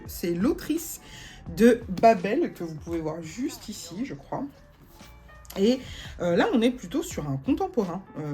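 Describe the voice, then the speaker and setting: Young woman rambling about her book haul, slow and giggly, soft music behind. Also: mid-range voice. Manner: chatty, many fillers, giggles often. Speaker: book vlogger. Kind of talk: casual book haul chat.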